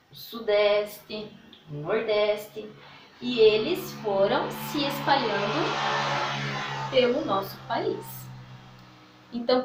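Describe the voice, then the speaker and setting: A Brazilian woman teacher giving a recorded class in Brazilian Portuguese, talking in a slow, didactic way and often checking in with her listeners. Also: fairly high pitch, echoey room, a little hiss or hum.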